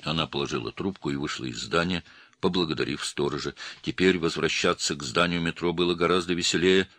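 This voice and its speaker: A man reading a novel aloud as narrator in a steady, expressive way. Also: rumbling low, brisk, no echo. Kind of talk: audiobook reading.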